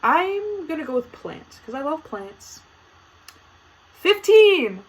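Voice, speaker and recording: High-pitched with big swings, a teen girl hosting her own podcast chats slowly in a casual, playfully dramatic way, filling gaps with plenty of fillers. The audio quality is low.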